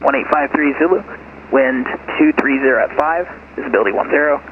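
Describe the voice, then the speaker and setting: A man's recorded airport weather broadcast, heard over an aircraft radio, read in a flat, measured way. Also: fairly high pitch. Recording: muffled radio with heavy noise.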